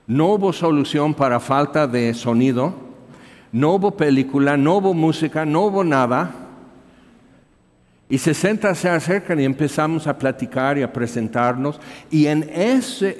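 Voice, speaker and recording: A man's voice: mid-range voice, darkish tone. Man telling a story in an echoing hall. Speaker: missionary preacher. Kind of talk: storytelling sermon. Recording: reverberant hall.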